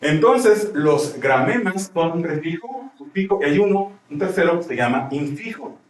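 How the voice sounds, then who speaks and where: A male teacher lectures on grammar in a roomy classroom, explaining and asking frequent checking questions of his students. His voice is fairly high with lively intonation at a moderate pace, and the mic sits far off.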